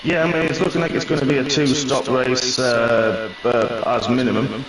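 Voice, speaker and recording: A man's voice: steady tone, moderate pace, distant mic. A man doing live sim-racing commentary, chatty and full of fillers, his mic sounding like he is in a cave. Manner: chatty, with many fillers and hedges. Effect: echoey cave-like sound on his mic. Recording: echoey boomy mic with loud crowd noise.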